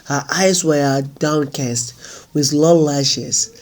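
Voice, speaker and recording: A man reading a folk tale aloud in a measured, unhurried storytelling manner. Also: a little high. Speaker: narrator.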